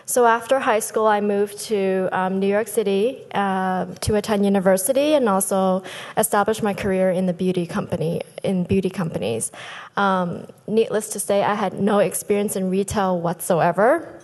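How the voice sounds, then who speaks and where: Woman, 30s, business founder giving a prepared conference speech, animated, lectern mics, reverberant hall. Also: medium pitch, normal speed. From Thailand. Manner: lively, gestures with both hands, speaks from a lectern. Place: large conference hall stage. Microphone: lectern microphones.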